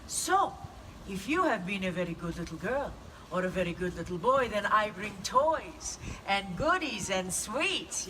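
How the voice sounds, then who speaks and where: A woman's voice: on the high side, bright, forceful tone, recorded from a distance, slight background noise, exaggerated voice, low-quality recording. A woman playing a kindly old Italian witch who brings gifts, with an Italian accent, telling a story to children and coaxing answers from them. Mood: playful coaxing. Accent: Italian (put on). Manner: theatrical, coaxing, asks the audience questions. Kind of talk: live in-character storytelling.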